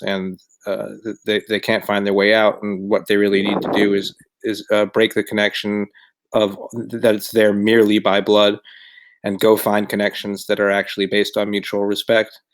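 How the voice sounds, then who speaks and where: A man on a casual podcast panel speaks in a lowish, notably flat monotone. He is measured and deliberate, pausing on fillers between thoughts.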